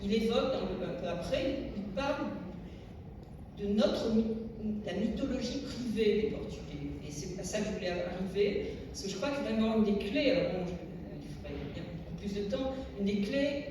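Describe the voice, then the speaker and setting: A middle-aged French woman giving a reflective public talk at a literary tribute, pausing to search for words. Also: mid-range voice, lively intonation. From France. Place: large echoey hall at a public event. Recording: echoey hall, distant mic, noisy.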